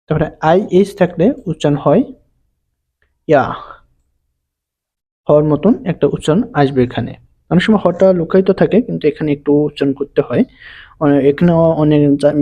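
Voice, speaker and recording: A man teaching a pronunciation lesson, spelling out letters and repeating each example word slowly. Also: a little high, warm tone. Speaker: language teacher. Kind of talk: slow explanatory lesson.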